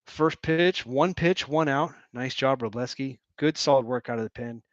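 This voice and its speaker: A man's voice: medium pitch, normal speed, no echo, muffled recording. A man hosting a fan watch-along, giving joking, rambling, irreverent play-by-play commentary.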